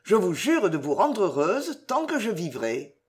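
A woman's voice: lowish voice, very animated, unhurried. A woman doing a grave, tender young man. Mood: earnest. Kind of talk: audiobook character reading.

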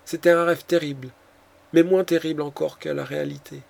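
A man's voice: a little high, level tone, fairly quick, gravelly, darkish tone. A man reading the part of a frightened nobleman, a count, in an audiobook, with frantic, anguished delivery. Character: terrified panicking nobleman, a count.

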